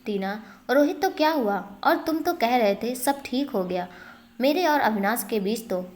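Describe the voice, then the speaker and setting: A woman's voice: on the high side, animated, measured pace, darkish tone. A woman voicing a hurt, questioning young woman in a storybook reading. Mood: upset.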